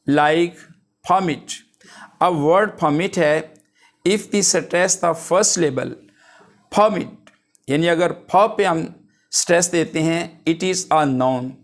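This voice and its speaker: A man teaching a linguistics lesson, dictating English definitions slowly and then explaining them in a relaxed, conversational way. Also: fairly high pitch. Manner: reads word examples one by one. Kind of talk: lecture.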